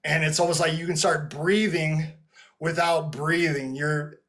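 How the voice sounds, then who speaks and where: A man's voice: fairly high pitch, fairly even intonation, unhurried, a bit bright. A man talking loosely to his chat on a livestream through a headset mic, rambling with lots of "like" and restarts while leading breathwork. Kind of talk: casual livestream talk to a chat.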